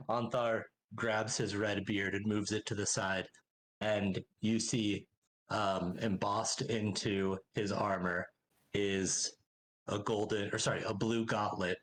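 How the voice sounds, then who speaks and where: A man's voice: fairly low pitch, a bit bright, rough recording. A man narrating a tabletop game as game master, rambling with many filler words.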